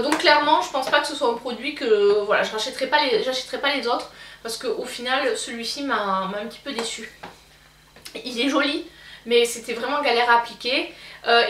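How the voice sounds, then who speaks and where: A woman's voice: on the high side, fairly bright tone, far from the mic, a little hiss or hum. Chatty woman vlogger in an echoey room. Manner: hesitant, many fillers and restarts. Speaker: beauty vlogger. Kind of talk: casual product review.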